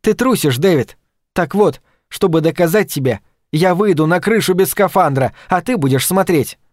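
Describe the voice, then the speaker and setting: A man's voice: sits high, animated, moderate pace, a little mellow, no room sound. A man reading an audiobook, voicing a defiant young woman who is close to tears.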